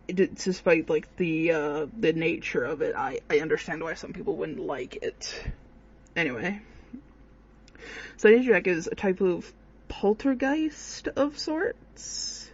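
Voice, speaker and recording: This horror-game commentator, a video creator, speaks casually, haltingly and in a rambling way, with dull lo-fi microphone sound. The medium-pitched voice is a little mellow with a breathy edge.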